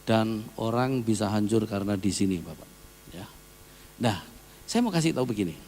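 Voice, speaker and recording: A man's voice: lowish voice, normal speed, a little hiss or hum. A male pastor preaching a conversational sermon, telling stories and tossing tag questions to the congregation. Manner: lively storytelling with tag questions to the audience. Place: church seminar hall. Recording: long hall reverb.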